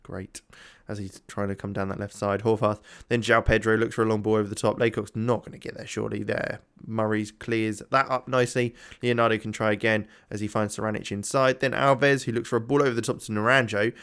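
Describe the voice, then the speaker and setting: His fairly low voice is flat yet brisk, fairly bright, clear and resonant. A yawning, tired gaming YouTuber, he gives rambling let's-play commentary on his own game, chatting to himself and thinking aloud with many ums.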